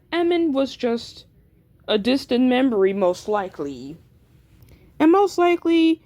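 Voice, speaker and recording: Girl rambling through her oc lore, kinda high voice, keeps stuttering and restarting. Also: a little mellow. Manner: rambling, filler-heavy delivery. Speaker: creator explaining her character lore. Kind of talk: casual chat.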